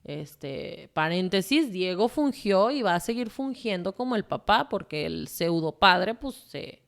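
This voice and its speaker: A woman's voice: on the low side, expressive, a little slow, creaky. Frank Mexican woman telling her story. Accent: Mexican Spanish. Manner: frank and emotional, swears freely, rambles with fillers. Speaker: guest telling her testimony. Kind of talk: candid conversational storytelling.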